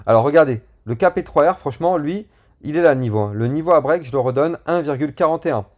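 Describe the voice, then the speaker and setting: A man's voice: a little high, fast talker, darkish tone. Male crypto YouTuber, casual and slangy, filler-heavy chart walkthrough. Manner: chatty, with frequent fillers and slang. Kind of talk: chart analysis and channel promotion.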